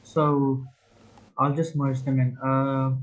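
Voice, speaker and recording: A man's voice: mid-range voice, little pitch movement, takes it slowly, low-quality recording. A young man chairing an informal group meeting on an online call, talking casually.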